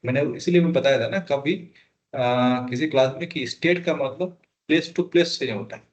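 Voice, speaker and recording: A man's voice: medium pitch, normal speed, lo-fi sound. A man teaching a polity lesson for exam prep, asking students questions and repeating key terms. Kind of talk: classroom lecture, Hindi mixed with English.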